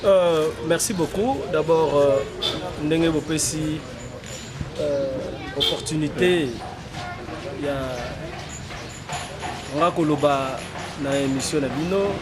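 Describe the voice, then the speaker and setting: A man's voice: a little high, slow pace, pauses often. A man in his forties, giving an earnest street interview and building to emphatic, rhetorical declarations. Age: 40s. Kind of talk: street interview, mixing French and Lingala. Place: outdoors on a city street. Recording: noisy street with passing traffic.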